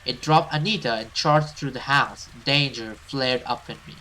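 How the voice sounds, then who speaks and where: Speaking at normal speed with a sharp, medium-pitched voice, a man gives dramatic let's play narration of a horror visual novel as a gamer. He performs it theatrically, tossing in casual swear words, over a rough recording with slight background noise.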